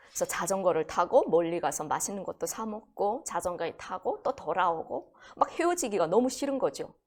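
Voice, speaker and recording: Woman telling a crime story, lively, acts out the voices. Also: medium pitch. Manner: animated, acts out quoted voices. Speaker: guest storyteller. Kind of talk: conversational storytelling.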